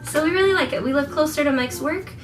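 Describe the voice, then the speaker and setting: A giggly young woman chats through a casual vlog Q&A in a fairly high voice. Her voice comes from a little away from the mic. Clear music plays behind her. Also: fast, far from the mic, low-quality recording. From Netherlands. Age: 20s. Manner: chatty and giggly, laughs often. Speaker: vlogger co-host. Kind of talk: casual Q&A chat.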